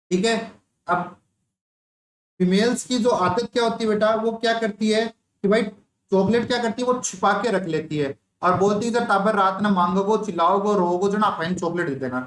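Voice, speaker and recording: A man teaching an online nursing exam class, telling a story and quizzing his students with repeated questions. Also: sits high. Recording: echoey room with faint ambience.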